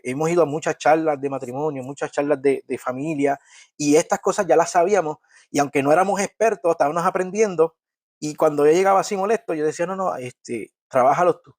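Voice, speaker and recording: A man's voice: a little high, darkish tone, no room sound. A middle-aged man giving a conversational church talk on family life, earnest, often restarting words and checking in with his listeners. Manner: earnest, repeats and restarts words, asks "¿ves?".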